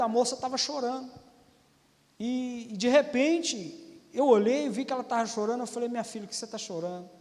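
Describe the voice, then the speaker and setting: Brazilian pastor guy preaching, tells stories and asks the church amen, high voice, lots of reverb from the hall. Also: darkish tone. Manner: folksy storytelling with quoted dialogue and calls to the congregation. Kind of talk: sermon.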